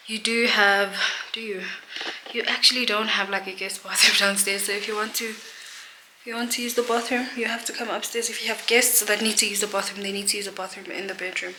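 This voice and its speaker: Brief: young South African woman, casual vlog talk, echoey room, noticeable noise behind. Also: medium pitch. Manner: chatty, laughs often, mixes in Zulu words. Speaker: realtor vlogger.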